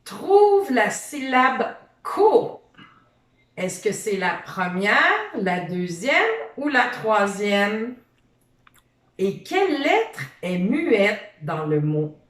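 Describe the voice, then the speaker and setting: A woman leads a children's reading lesson, slow and encouraging as she sounds out each letter. Her voice swoops lively up and down and sits a little high. She sounds set back from the mic in a roomy, echoey space. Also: distant mic. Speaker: teacher.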